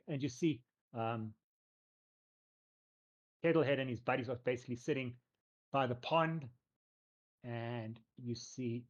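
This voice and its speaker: A man's voice: mid-range voice, a little mellow, dull audio. A man improvising narration as game master of a tabletop role-playing game, in a conversational storytelling style.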